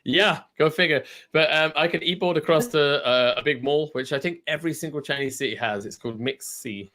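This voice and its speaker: A man's voice: on the high side, brisk, bright, forceful tone. A man from England in a casual chat, talking with many restarts and frequent laughs. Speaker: podcast host. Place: at home in China.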